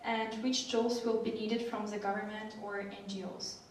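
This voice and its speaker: A woman's voice: mid-range voice, little pitch movement, moderate pace. A woman moderating a panel, polite and formal as she puts questions to the speakers. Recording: echoey room from far off, faint noise.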